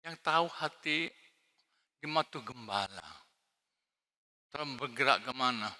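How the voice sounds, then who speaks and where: A male pastor preaching a sermon, swinging between shouted emphasis and quiet asides. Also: mid-range voice, expressive, a little slow. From Indonesia. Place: large church hall. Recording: long hall reverb.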